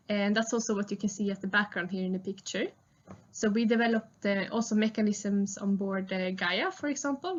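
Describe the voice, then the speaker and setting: Swedish-accented young woman giving a talk. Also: medium pitch. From Sweden. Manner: friendly, frequent "uh" fillers. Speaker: research engineer presenting. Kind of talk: prerecorded conference talk. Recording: muffled lo-fi recording.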